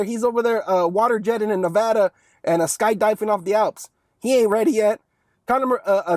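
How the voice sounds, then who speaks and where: In a casual one-take monologue, a young male sports commentary vlogger rambles and chats, frequently ending lines with "right?". His voice sits high, and the studio-quality recording has no echo.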